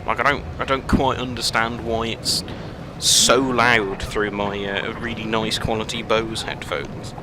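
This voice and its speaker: Brief: male game commentator, lowish voice, halting and rambling delivery, home headset recording with audible background noise. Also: little pitch movement. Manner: rambling, halting, full of fillers and self-corrections. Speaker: let's play host. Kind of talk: casual gameplay commentary.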